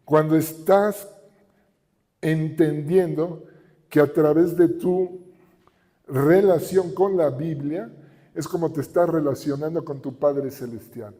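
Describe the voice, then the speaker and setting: This is a pastor, a middle-aged man whose accent is Mexican Spanish, preaching with repeated emphasis and rhetorical questions. The warm, slightly high voice moves slowly, echoing through a reverberant hall.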